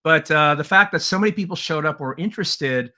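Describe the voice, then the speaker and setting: Quick-paced with a fairly high pitch and a sharp tone, the middle-aged Taiwanese guest tells his life story on a podcast. He works as a leadership trainer and speaks earnestly in a relaxed interview, using lots of "uh" and small laughs.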